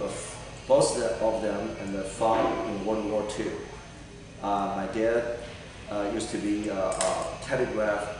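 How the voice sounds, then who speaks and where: A middle-aged man from Taiwan, earnestly answering a panel's questions with many fillers and pauses. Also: on the low side, distant mic. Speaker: political candidate. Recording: echoey hall recorded from afar.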